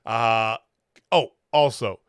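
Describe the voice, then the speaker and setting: A podcast co-host speaks at a medium pitch and slow pace, his tone clean in a dry, clean studio recording. In casual chat he retells a wrestling segment as an animated storyteller, acting out the quotes and laughing often.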